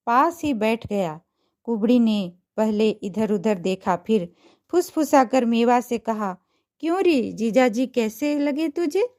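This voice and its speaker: A woman reading a short story aloud as a storyteller, in a measured, expressive narration. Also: fairly high pitch.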